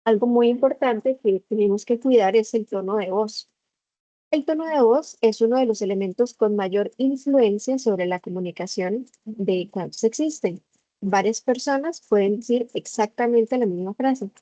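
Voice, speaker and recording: A woman teacher explains things patiently in an online class. Her voice is mellow and rather dark. The sound is dry and a little muffled, as if it comes through a computer microphone on a video call. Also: a little high, normal speed, dry recording. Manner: patient explaining, acts out examples.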